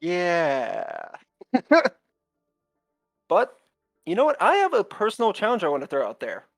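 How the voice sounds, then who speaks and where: A man's voice: high voice, wildly swooping pitch, unhurried, dry recording, faint music behind. A man casting a live video game match from his home setup, upbeat and chatty, often laughing. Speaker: esports caster. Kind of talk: casual live game commentary.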